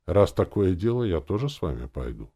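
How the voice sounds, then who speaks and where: Guy doing a rumbly orc dude, gruff but good-natured, pitched up a bit. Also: big pitch swings, fairly quick, dark tone, full character voice. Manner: rumbling, grumbling. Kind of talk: audiobook character voice.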